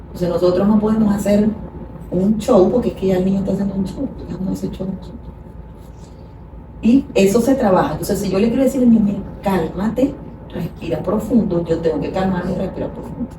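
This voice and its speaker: A woman explains child behavior with patient, practical examples. She sits well back from the microphone in an echoey room, with steady noise behind her. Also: medium pitch, quick pace. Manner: explains patiently, acts out parents' scolding. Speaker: child psychologist guest. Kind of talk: conversational explanation. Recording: echoey room, far from mic, noisy.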